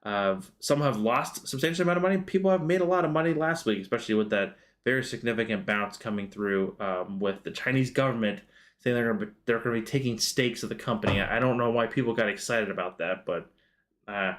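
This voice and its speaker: A man's voice: medium pitch, quick pace, fairly bright tone. Rambling man talking stock charts. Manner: rambling, lots of fillers and restarts. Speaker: stock market livestream host. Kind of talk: casual market commentary over charts.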